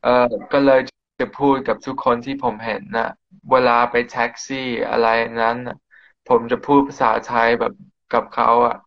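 A man's voice: medium pitch, flat delivery, moderate pace, gravelly. English teen guy talking easy slangy thai, english is his first language, sound kinda muffled. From England. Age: teens. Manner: casual, slangy Thai, says yeah often. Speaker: guest. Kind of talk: casual interview in Thai.

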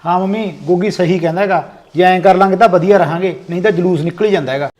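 A man's voice: high voice, quick pace, a little mellow, natural voice. A man acting an elder brother who insistently reasons with his family to settle a household quarrel. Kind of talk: family comedy skit acting. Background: music.

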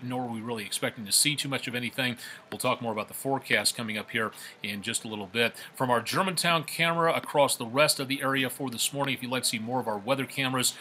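A male TV meteorologist doing a live weather forecast, ad-libbing loosely and repeating himself, his voice coming through a faulty mic on a low-quality stream. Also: sharp tone, slight background noise. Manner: loose, repetitive, filler-heavy ad-libbing. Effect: low-quality stream audio from a faulty microphone.

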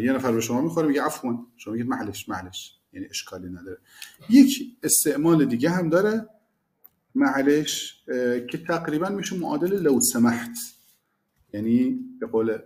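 A man's voice: mid-range voice, warm tone. A man teaching a language lesson, explaining phrases animatedly and repeating the key words.

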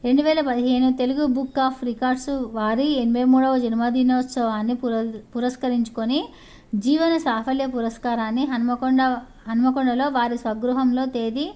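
Mellow woman reading a biography. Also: fairly high pitch, steady tone, moderate pace. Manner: reads long lists of places, years and awards, with slips and restarts. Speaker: channel narrator. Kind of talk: read-aloud biography narration.

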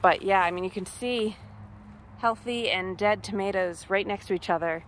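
With slight background noise behind her, a woman from Massachusetts, USA, walks through her outdoor garden on a casual homesteading tour vlog. Her mid-range voice moves at normal speed as she muses aloud with lots of ums.

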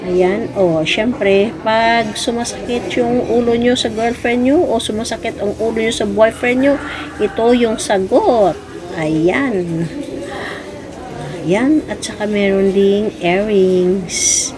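A woman with a Filipino accent chats her way through a casual phone vlog. She talks slowly and keeps saying "ayan" between items. A lively indoor crowd murmurs behind her. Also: medium pitch, low-quality recording. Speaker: vlogger. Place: indoor office bazaar with crowd. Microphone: handheld phone camera. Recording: phone video with crowd chatter.

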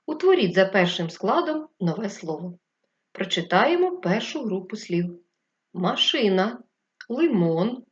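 A woman teacher giving a recorded reading lesson to first graders, speaking clearly and kindly to young children. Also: mid-range voice, muffled recording. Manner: slow, clear, lively intonation addressing young children. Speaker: primary school teacher. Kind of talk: recorded distance-learning lesson.

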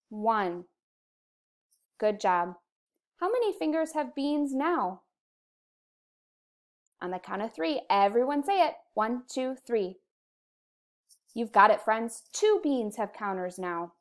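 A woman in her thirties with an American accent, teaching young children in a kindergarten teacher voice, with simple encouraging phrases and clear counting. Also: a little high. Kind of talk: slow instructional lesson to young children. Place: indoor room, recorded video lesson at a computer.

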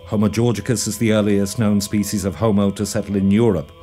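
A man narrates a documentary in a low, mellow voice. His scripted delivery is measured and formal, with music faintly underneath. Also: flat delivery.

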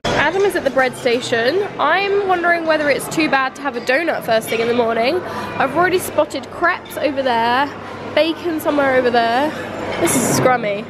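A woman's voice: high voice, moderate pace. A British woman in her twenties chatting casually to a handheld camera as she vlogs outdoors at a resort. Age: 20s. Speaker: vlogger on honeymoon. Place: outdoors at a resort, by and in an open-air pool. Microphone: handheld camera at arm's length. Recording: noisy outdoor holiday camera audio.

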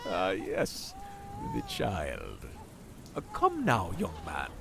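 A man playing a suave, sinister aristocratic vampire count in an audio drama, with a theatrical, condescending, drawn-out delivery. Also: low-pitched, huge pitch swings, vocal fry, heavy background noise, exaggerated voice. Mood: smooth, sinister. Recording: music under the voice.

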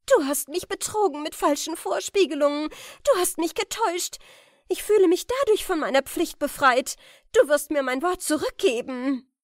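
A woman voicing an indignant, betrayed young woman who speaks in a shrill, reproachful way. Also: animated, moderate pace, no room sound, clean studio sound.

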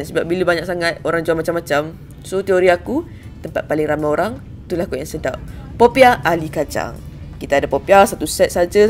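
A woman's voice: sits low, a little mellow. Chatty Malaysian woman in a voice-over. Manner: chatty and self-mocking, with asides to viewers. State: hungry while fasting. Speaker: food vlogger. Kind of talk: casual voice-over narration. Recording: voice-over with faint music behind.

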